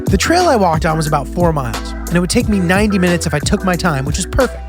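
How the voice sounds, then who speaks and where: A man's voice: high voice, big pitch swings, fast talker, over loud music. A man hosting a travel series, telling his road trip in scripted narration with wry, self-deprecating humor.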